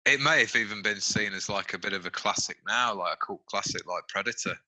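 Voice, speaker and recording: A man's voice: on the low side, a little fast, pushed and bright, low-quality recording. A man co-hosting a casual podcast, agreeing and chiming in briefly. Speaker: podcast co-host.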